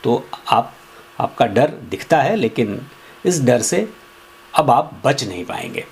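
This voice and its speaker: A man delivering a political opinion monologue, accusatory and emphatic, jumping up in pitch on key words. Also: sing-song, slow, creaky, a little mellow, breathy edge. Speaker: political commentator.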